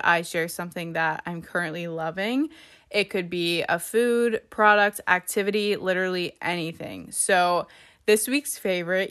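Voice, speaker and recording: Chatty young woman with a low voice. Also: a bit bright. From US East Coast. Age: 20s. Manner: chatty, frequent "like" and "um" fillers. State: slightly congested, getting a cold. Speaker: podcast host. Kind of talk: casual solo podcast chat.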